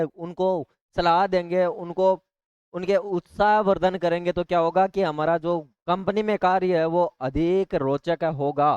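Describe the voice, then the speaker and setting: A male tutor runs through exam points, checking in with rhetorical questions and little asides. His voice sits high and sounds smooth and clear. The recording is dry and slightly muffled. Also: darkish tone, dry recording. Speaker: teacher. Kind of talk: exam-prep lecture.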